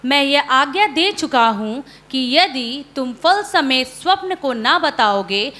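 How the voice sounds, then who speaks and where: A woman reading scripture aloud in a steady, measured way during a church service. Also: high-pitched. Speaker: scripture reader.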